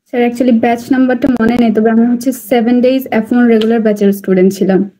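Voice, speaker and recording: A young woman from Bangladesh, a student applicant, chatting excitedly on a video call and slipping English phrases into her talk. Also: on the high side, quick pace. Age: young adult. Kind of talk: casual online interview.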